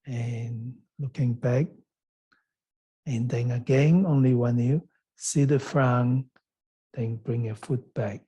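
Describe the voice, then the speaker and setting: Slow, mellow-voiced male tai chi teacher. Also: medium pitch, husky. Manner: slow, calm, step-by-step cueing. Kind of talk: online class instruction.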